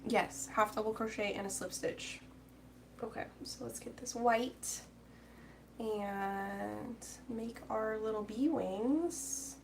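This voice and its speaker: A woman's voice: a little high, takes it slowly, creaky, darkish tone, a little hiss or hum. A woman chatting casually with live viewers while she crochets, rambling and reading out their comments. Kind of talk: casual crochet-along chat.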